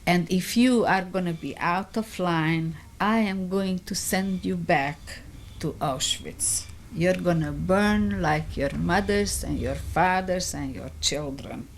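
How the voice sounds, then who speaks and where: An elderly woman voicing a bitter, cruel woman camp overseer, her words slow and threatening. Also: on the low side, slight background noise.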